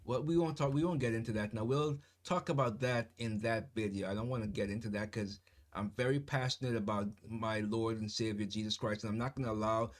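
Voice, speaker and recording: A man's voice: on the low side, fairly even intonation, a little fast. A man giving solo political commentary to his viewers, speaking passionately, with emphatic, repetitive phrasing. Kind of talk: casual solo commentary to camera.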